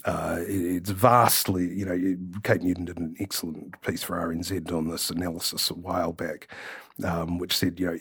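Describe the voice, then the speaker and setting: A very deep-voiced man, chatting bluntly about politics on a panel. He swears freely and often restarts his sentences mid-thought. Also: slightly rough, no echo. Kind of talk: casual political chat.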